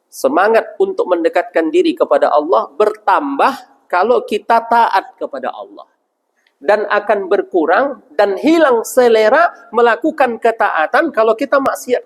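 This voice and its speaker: Male preacher, high and animated voice, quizzing the congregation in a reverberant hall. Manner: asks the audience questions and answers them himself; addresses listeners as Pak. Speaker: ustaz preacher. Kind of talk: religious lecture to a congregation.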